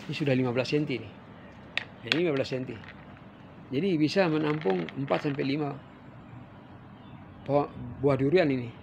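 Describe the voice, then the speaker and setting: Gravelly man explaining durian farming. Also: mid-range voice, background noise. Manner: addresses viewers as fellow farmers, explains while pointing. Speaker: durian farmer. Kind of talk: farming tutorial. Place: outdoors at a durian orchard.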